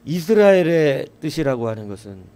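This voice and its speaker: Animated, higher-voiced male pastor preaching. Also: moderate pace. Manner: asks the congregation questions and answers them; acts out quoted voices in a raised voice. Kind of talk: sermon.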